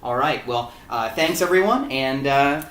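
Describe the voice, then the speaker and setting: A man's voice: medium pitch, lively intonation, measured pace, a bit bright, slight background noise. A man hosting a fundraising interview, talking in a casual, hesitant way with many fillers and restarts. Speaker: host of a fundraising video interview. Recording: echoey room, a bit far from the mic.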